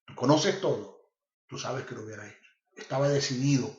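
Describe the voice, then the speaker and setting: A man's voice: mid-range voice, a little fast, a little mellow, lightly acted. A man voicing a despairing male pastor at his breaking point, pleading and repeating himself. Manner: pleading and repetitive. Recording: roomy, slightly dull recording.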